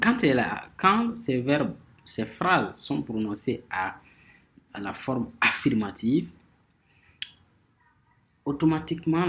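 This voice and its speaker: A man teaching a grammar lesson, speaking slowly and repeating words as he searches for phrasing, stressing example words emphatically. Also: medium pitch. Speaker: language teacher.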